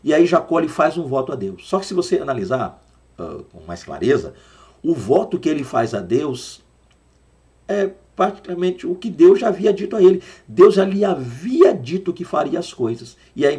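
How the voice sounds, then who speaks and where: A man's voice: fairly high pitch, sing-song, moderate pace, dark tone. A Brazilian man teaching a Sunday school Bible lesson, explaining words patiently and repeating them to drill their pronunciation. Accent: Brazilian Portuguese.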